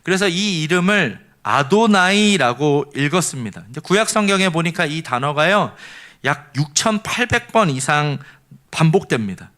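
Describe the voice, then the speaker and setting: A man's voice: fairly high pitch, animated, normal speed, fairly bright tone. A male pastor from Seoul preaching a sermon, explaining scripture earnestly and leading the congregation in repeating lines after him. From Seoul, South Korea.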